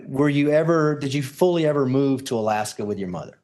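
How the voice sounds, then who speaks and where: A man's voice: medium pitch, lively intonation, fairly quick, a little mellow. A man speaks as a lawyer examining a witness in a courtroom. His questioning is formal and orderly, built step by step, in an ordinary mid-range voice.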